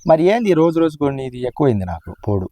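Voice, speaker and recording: A man's voice: a little high, big pitch swings, quick pace, dark tone. A man bantering with his wife in a comic village skit, rambling and teasing with mock-dramatic flair, outdoors. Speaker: husband in a village comedy skit. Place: outdoors, sitting on a rock.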